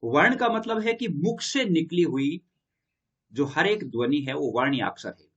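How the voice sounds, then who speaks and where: A man's voice: on the high side, animated, moderate pace, a bit bright, slightly rough, muffled recording. A male lecturer teaching a classroom lesson, repeating key points and quizzing his listeners. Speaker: Hindi literature lecturer.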